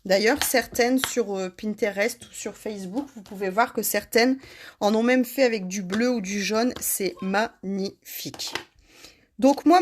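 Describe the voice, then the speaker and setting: A woman hosting a casual craft tutorial, chatting to her viewers by name and laughing at herself. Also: on the high side.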